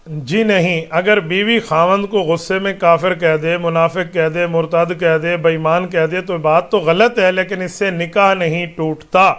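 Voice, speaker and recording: A man's voice: high-pitched, steady tone, a bit bright. A man answering religious questions as a mufti, preaching in an emphatic, rhetorical way, listing points and reciting Arabic phrases.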